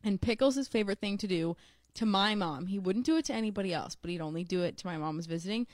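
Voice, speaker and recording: A woman's voice: mid-range voice, fast, no room sound. Chatty young woman telling stories. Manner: chatty storyteller, many fillers. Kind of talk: casual chat.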